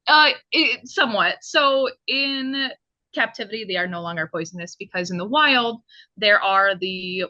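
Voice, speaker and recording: A chatty woman with a bright, forceful voice talks casually and laughs often. Her sound is dry and a little dull, as if from a video call at home. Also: medium pitch, normal speed, no room sound. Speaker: podcast guest, cryptid costume performer. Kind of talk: casual chat. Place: home, indoors.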